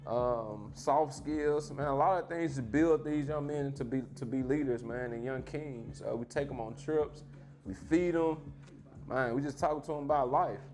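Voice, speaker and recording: A man's voice: mid-range voice, moderate pace, darkish tone, soft background music. A man with a Memphis accent, a podcast guest talking casually and often saying "man" and "bro". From Memphis, Tennessee. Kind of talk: casual chat.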